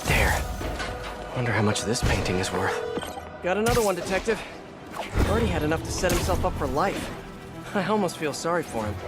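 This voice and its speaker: A man's voice: on the high side, big pitch swings, brisk, pauses often, loud music behind the voice. An American man playing a quippy, earnest young superhero in a video game, talking in a wry, casual way. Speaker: video game lead character. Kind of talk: video game voice acting, conversational.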